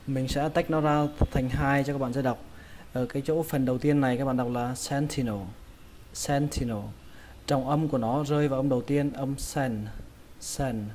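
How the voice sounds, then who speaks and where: A man teaching English pronunciation in a casual lesson, repeating each word slowly and carefully. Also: mid-range voice, darkish tone, slight background noise. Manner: slow, drawn-out repetition of words.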